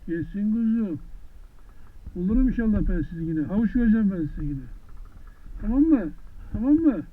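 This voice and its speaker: A man talking gently to horses in an outdoor pasture, coaxing them with affectionate, repeated questions. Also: high-pitched, lively intonation, moderate pace. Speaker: vlogger visiting wild horses. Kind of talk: casual talk to animals. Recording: tinny lo-fi phone-like sound, faint noise.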